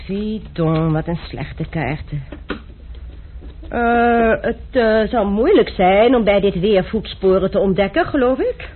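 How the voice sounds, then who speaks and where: A high-pitched, animated male voice belongs to an actor playing a young adult gambler and duelist in a radio drama. The character speaks in a dry, mocking, unhurried manner, and the recording is tinny and lo-fi with hiss.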